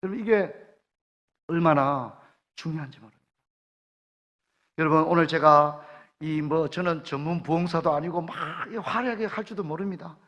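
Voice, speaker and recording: A high, bright-toned man with a Gyeongsang accent preaches a revival sermon with fervent force, his voice rising to loud exclamations. His voice rings through a church hall with a long reverb tail. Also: moderate pace, long pauses, lo-fi sound. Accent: Gyeongsang Korean. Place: church sanctuary.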